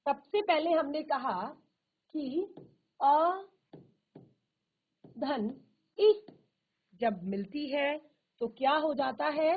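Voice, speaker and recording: Brief: woman teacher, high voice, very slow and deliberate, repeats each term, narrow phone-like sound. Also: expressive. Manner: repeats terms and asks herself questions. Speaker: Hindi teacher. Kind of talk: slow classroom explanation. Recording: tinny phone-like virtual classroom audio.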